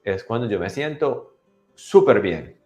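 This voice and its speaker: A man teaching English to children in an online class, often checking they follow and drilling pronunciation slowly. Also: lowish voice, animated, a little mellow, faint music behind. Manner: teacherly, asks for agreement after each point.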